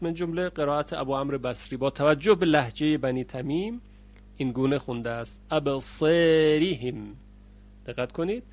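Man teaching Quran recitation, chanting examples. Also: on the high side. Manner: explains rules, then chants the example words slowly and loudly; addresses learners directly. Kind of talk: recorded lesson on Quranic readings.

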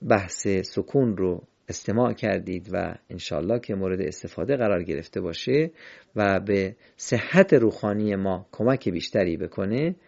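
A man teaching the rules of Quran recitation in a patient, methodical way, slowly chanting verses as examples. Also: on the low side, creaky, darkish tone. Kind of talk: explanatory lesson. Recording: dull lo-fi recording.

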